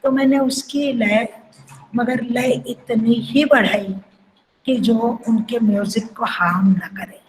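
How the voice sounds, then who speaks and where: Older dance guru, woman with marathi accent, unhurried lecture, slightly high voice, faint room ambience. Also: a little hiss or hum, rough recording. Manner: reflective, sings phrases to illustrate. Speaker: kathak guru teaching. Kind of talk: lecture with sung syllables.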